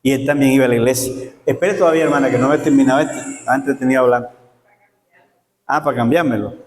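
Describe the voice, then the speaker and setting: A man's voice: medium pitch, fairly even intonation, fast talker, slight background noise. A man preaching a Sunday school sermon as a pastor, folksy and joking, calling on the congregation to answer him. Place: church hall. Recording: echoey church hall reverb.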